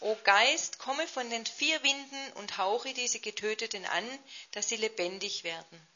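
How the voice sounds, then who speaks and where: A woman reading scripture in a measured, solemn way, then interpreting a sermon. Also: a little high, bright, forceful tone, slight background noise. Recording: muffled lo-fi.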